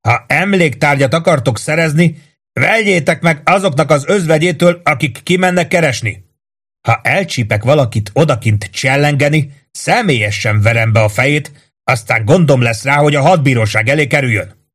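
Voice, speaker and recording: A man's voice: fairly high pitch, voice pushed up. A man acting a bellowing army first sergeant. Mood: commanding, shouting. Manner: barks commands, curses, loud and emphatic.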